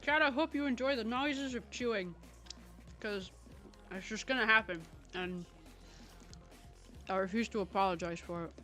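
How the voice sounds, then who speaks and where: A young woman on a livestream eats and chats playfully with her viewers, giggling and laughing often. She speaks at a normal speed with frequent pauses in a fairly high, somewhat bright voice, over faint music.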